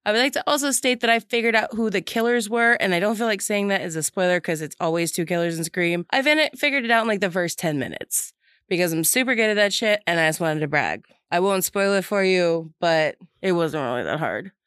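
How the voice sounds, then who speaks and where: A woman hosting a podcast, hoarse from a head cold, talking in a chatty, frank way with casual swearing and lots of "like" fillers. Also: on the low side, animated, brisk, a bit bright, no echo, studio quality. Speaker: podcast host.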